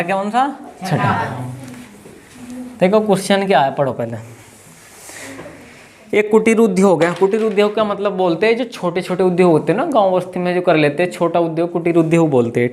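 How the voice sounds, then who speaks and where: High-voiced man teaching math. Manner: keeps quizzing students. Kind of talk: classroom lesson.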